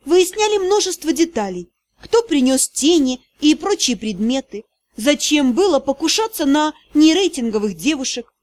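A woman narrating an audiobook in the first person, with lively storytelling. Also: sits high, normal speed.

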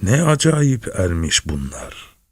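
A man voicing a gruff, grumbling poor father in a read-aloud story. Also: on the low side, big pitch swings, slow pace, a little mellow, no echo, clean studio sound, voice pushed up, full character voice.

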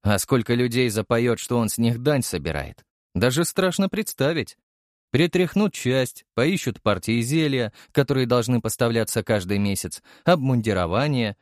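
A man narrating an audiobook in a lively storytelling style, acting out the characters' voices. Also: medium pitch, moderate pace, dry recording, studio quality.

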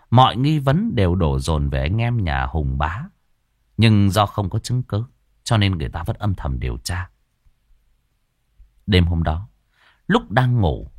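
A male storyteller narrates a ghost story with ominous drama. His voice sits fairly low yet swings widely in pitch, recorded dry and close with no room sound. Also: no room sound.

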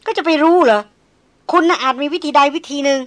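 A woman's voice: high-pitched, brisk, no echo, pitched above the performer's own voice, natural voice. A woman reading an audiobook who voices a proud, jealous young noblewoman with sarcastic, clipped retorts.

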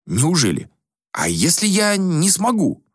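A man's voice: high-pitched, wildly swooping pitch, unhurried, breathy edge, dry recording, pitched above the performer's own voice, exaggerated voice. A bewildered everyday man, as a narrator puts him on in a storybook reading, blunt and agitated. The voice is only slightly raised above the narration, plain and dry. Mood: irritated. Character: ordinary man in a suit, confused and irritable.

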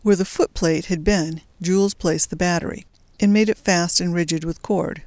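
A narrator reading a story aloud at a steady, even storytelling pace. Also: medium pitch, normal speed, dry recording. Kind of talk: audiobook narration.

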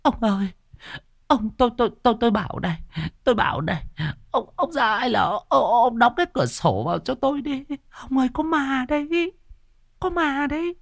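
A man's voice: extremely high pitch, very animated, takes it slowly, fairly bright tone, dry recording, clean studio sound, pitched above the performer's own voice, exaggerated voice. A man voicing a terrified old village woman who stammers and wails her pleas in a storytelling piece.

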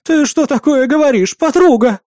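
An audiobook reader voicing a loud, quarrelsome village wife who screeches insults. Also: high voice, normal speed, dry recording, clean studio sound, voice pushed up, close to an everyday voice. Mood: screeching. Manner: screeching, scolding.

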